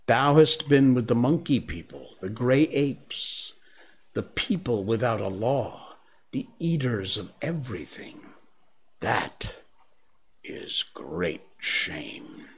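A man's voice: mid-range voice, big pitch swings, takes it slowly, breathy edge, full character voice. A man voicing a stern old bear who lectures a boy solemnly, in a storybook reading. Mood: reproachful.

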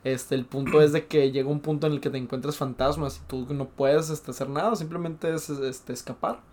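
A man's voice: a little high, fairly even intonation, brisk, a little mellow. A young man with a Mexican Spanish accent, co-hosting a casual chat and rambling, stammering and repeating words often. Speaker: podcast co-host.

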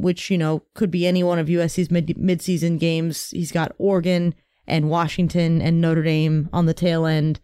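A woman's voice: on the low side, darkish tone, smooth, no room sound, studio quality. A woman co-hosting a sports podcast in casual, enthusiastic chat, often restarting her sentences.

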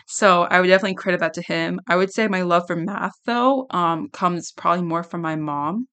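A young adult woman hosting a casual solo podcast, giggly and rambling, with a slightly hoarse, worn-out voice. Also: fairly low pitch, normal speed, fairly bright tone. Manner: giggly, rambling, self-deprecating. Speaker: podcast host.

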